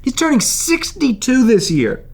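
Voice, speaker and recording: A young man hosting a youth ministry show in casual chat, animated and upbeat, building up hype. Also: very high-pitched, measured pace.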